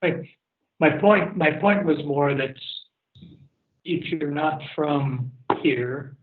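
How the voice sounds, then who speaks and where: Slow-talking man on a video call. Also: on the high side. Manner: deliberate, repeats words as he thinks. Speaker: participant in an online happy hour. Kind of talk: casual chat. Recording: dull lo-fi call audio.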